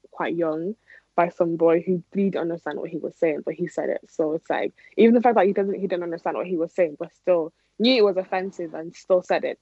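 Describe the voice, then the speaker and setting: With a lowish, mellow voice and an Irish accent, this young woman from Ireland is an athlete being interviewed as a guest. Her answers are casual and conversational, full of "like." The audio is dry, dull and lo-fi.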